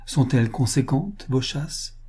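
A man's voice: medium pitch, lively intonation, unhurried, mellow, slightly rough, pitched above the performer's own voice. A man reading the part of a crude, greedy rich upstart with a blunt, boastful way of talking. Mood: blustering.

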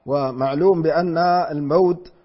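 A man teaching Quran exegesis in a deliberate lecture, repeating phrases and reciting verses slowly. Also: a little high. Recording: dull lo-fi recording.

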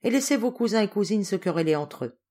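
A woman voicing a gentle, kind young mother in a storybook, speaking softly. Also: medium pitch, lively intonation, quick pace, pitched above the performer's own voice, close to an everyday voice. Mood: firm.

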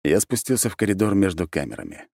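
A man narrates an audiobook with a very low, deep voice. His reading is expressive, with wide swings in pitch. The sound is dry and close to the mic. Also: fast, dry recording.

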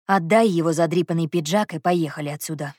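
A woman's voice: low-pitched, fast, a little mellow, no room sound, studio quality. A woman reading an audiobook and voicing a stern, jealous young man who speaks in a clipped, commanding way.

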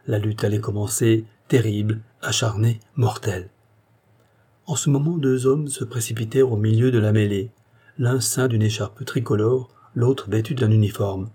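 Male audiobook narrator, mellow low voice, dramatic reading. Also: moderate pace, husky. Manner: steady, dramatic storytelling. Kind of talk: scripted narration.

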